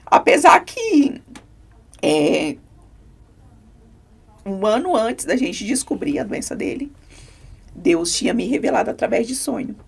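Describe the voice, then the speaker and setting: A woman's voice: on the high side, sing-song, a little slow, gravelly, long pauses, breathy edge. A woman, a podcast guest giving an earnest, emotional personal testimony.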